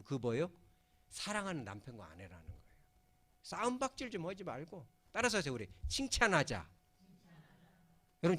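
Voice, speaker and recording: Middle-aged man, pastor from Korea, sermon, animated swooping pitch, bright tense voice, folksy storyteller. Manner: folksy storytelling, acts out quotes, asks the congregation to repeat. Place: church sanctuary.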